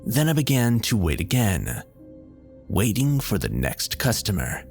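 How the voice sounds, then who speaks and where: A man reads a scary story in a lowish, expressive voice that rises and falls a lot. He keeps a measured storyteller's pace, with faint music playing underneath. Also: vocal fry. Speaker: horror story narrator. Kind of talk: scripted narration.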